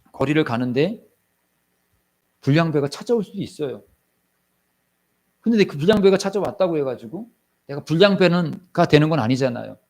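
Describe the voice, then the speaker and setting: A pastor delivers a sermon in a church, his voice slightly high for a man and edged with gravel. He swings between loud calls and hushed, near-whispered lines. Now and then he slips into short acted prayers and little scenes.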